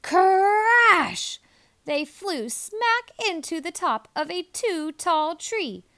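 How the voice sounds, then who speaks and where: A woman narrating a children's story expressively, leaning deliberately on key words. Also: very high voice, very animated, fairly bright tone. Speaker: storybook reader.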